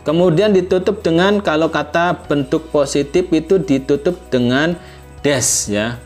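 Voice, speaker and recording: A man's voice: on the high side, unhurried, soft background music. A man teaching a language lesson, patient and repetitive, who often checks in with listeners and models example sentences with an exaggerated rise at the end. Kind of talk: explanatory lesson.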